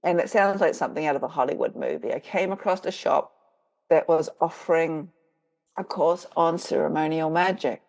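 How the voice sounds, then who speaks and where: A low-pitched, gravelly, slightly mellow female voice at a moderate pace comes through a muffled recording. She's a middle-aged witch and author from rural New Zealand with a New Zealand accent, a guest in a conversational interview who shares her story reflectively and easygoingly, laughing easily.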